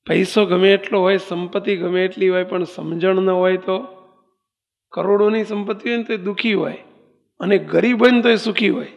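A man's voice: high voice, fairly even intonation, moderate pace, gravelly, dull audio. A male swami giving a sermon, telling a parable and asking the audience rhetorical questions, in a temple hall. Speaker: swami preaching. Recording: long reverb of a temple hall.

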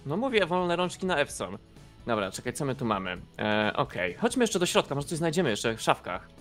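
Young male gamer, excitable and laughing, very lively pitch, faint game music underneath. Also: a little fast. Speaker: gaming YouTuber. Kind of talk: casual co-op gameplay commentary.

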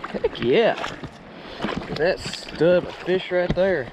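Standing in a river with a camera strapped to his head, a young vlogger narrates his fishing in a voice that sits high. He's excited and folksy, and the outdoor mic picks up the rushing current.

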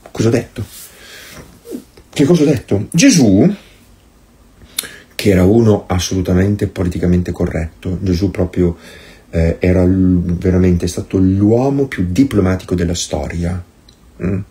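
A man's voice: deep voice, expressive, normal speed, long pauses, warm tone. A man giving a priest's meditation in an impassioned, sarcastic and emphatic way. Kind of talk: recorded meditation, sermon-like.

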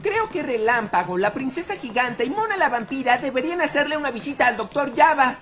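High-voiced sensible child, Latin American accent. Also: female voice, lively intonation, a little fast, a bit bright. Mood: confident. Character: sensible, curious child, one of young sleuthing friends. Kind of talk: Latin American cartoon dub. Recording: music behind the voice.

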